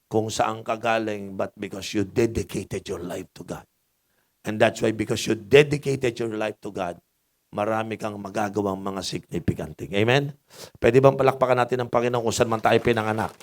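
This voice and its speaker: A middle-aged man from the Philippines, a pastor with a Filipino accent and a medium-pitched voice, preaches a sermon in a church hall. He mixes English in, asks the congregation for answers, and jokes around with them. There's no room sound and the quality is studio-grade.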